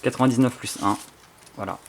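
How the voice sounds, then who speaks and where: A man with a French accent talks through an unboxing in a rambling, enthusiastic way, full of fillers and restarts. His voice has a gravelly, creaky edge, and faint noise hums underneath. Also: mid-range voice, fairly even intonation, a little fast. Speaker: YouTuber presenting his book collection. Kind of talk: casual spontaneous unboxing chat.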